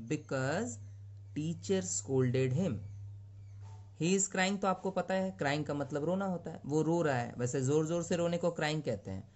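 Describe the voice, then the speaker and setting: A male teacher giving a grammar lesson to young students, reading each English example sentence slowly and then explaining it in Hindi. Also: on the high side, a little mellow. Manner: frequent check-ins to the class.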